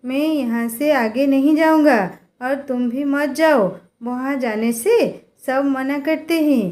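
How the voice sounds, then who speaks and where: A woman's voice: high-pitched, slow, darkish tone. A woman doing a teasing, matter-of-fact village boy. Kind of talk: storybook character voice.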